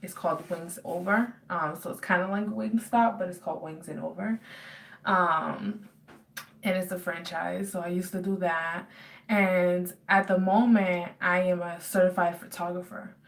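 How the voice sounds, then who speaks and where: A woman's voice: on the low side, steady tone, a little slow, vocal fry, distant mic. A woman in her twenties from the United States chatting casually in a home Q&A vlog, rambling with many fillers. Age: 20s. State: dry throat. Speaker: vlogger.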